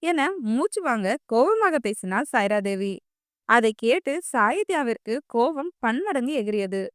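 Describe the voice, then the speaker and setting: A woman narrating a novel as an audiobook in an even storytelling manner. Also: on the high side, smooth, no room sound, clean studio sound.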